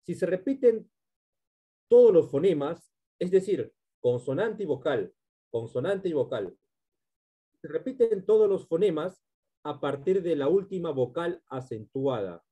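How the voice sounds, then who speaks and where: A man's voice: on the high side, expressive, a little slow, dark tone, slightly rough. A male teacher giving a literature class, explaining step by step and often checking in with his students.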